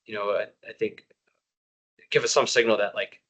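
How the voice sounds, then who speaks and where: A man's voice: fairly low pitch, steady tone, normal speed, a bit bright, breathy edge, low-quality recording. Rambling man at a public meeting. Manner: rambling, many fillers and restarts. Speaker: housing commission member.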